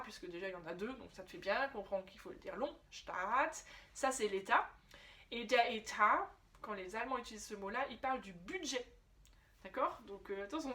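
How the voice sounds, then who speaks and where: A young woman with a higher-pitched voice teaches German in a casual video lesson. She talks in a chatty, informal way, often checking in with the listener, and slows down to pronounce German words with care. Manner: lively, chatty, frequent "euh" and "d'accord?" check-ins; addresses the viewer informally, shifts into careful German pronunciation.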